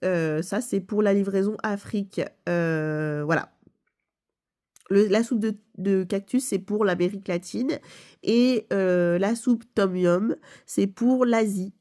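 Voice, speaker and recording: Stuffed up from a cold, a woman who hosts a video game channel casually walks through a game, full of fillers and self-corrections. She speaks slowly in a warm, mid-range voice.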